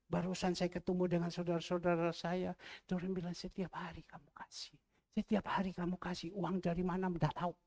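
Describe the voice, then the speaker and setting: A middle-aged man preaching a sermon as pastor in a church, moving between loud exhortation and quiet asides. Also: high voice, vocal fry.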